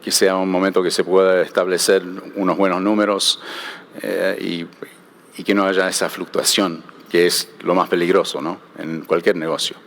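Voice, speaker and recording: A man with a deep, low voice speaks on a conference panel about the shipping trade. He talks haltingly, often repeating a word before moving on, and a faint hiss sits behind him. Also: flat delivery, fairly bright tone. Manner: hesitant, repeats words while thinking.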